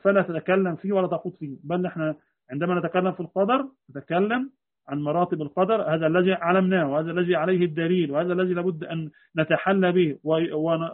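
A man with an Egyptian Arabic accent gives a creed lesson in a high voice at a rapid clip. He explains by posing rhetorical questions and answering them himself. The recording is tinny and phone-like. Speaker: religious teacher.

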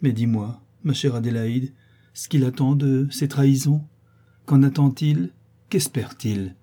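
A man's voice: mid-range voice, a little slow, warm tone, husky. A man voicing a tearful, wounded young woman who reproaches her lover in a storybook reading. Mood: anguished reproach. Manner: heartbroken, reproachful.

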